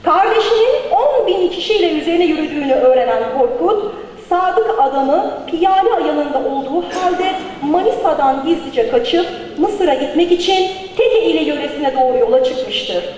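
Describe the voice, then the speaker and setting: A woman's voice: sits high, expressive, normal speed, a little mellow. A woman presenting a formal paper, read aloud at a pulpit microphone in a conference hall. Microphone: lectern microphone. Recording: very echoey hall with long reverb.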